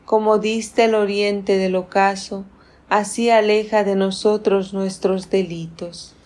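A woman serving as lector at Mass, reading scripture and psalms aloud in a measured, formal, restrained way. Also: mid-range voice, flat delivery, a little mellow.

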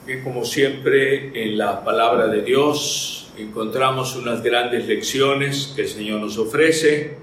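In an echoey church sound with faint noise, a male priest gives a sermon. He speaks slowly and reflectively at a medium pitch, choosing his phrases deliberately. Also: steady tone, fairly bright tone. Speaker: priest giving a homily.

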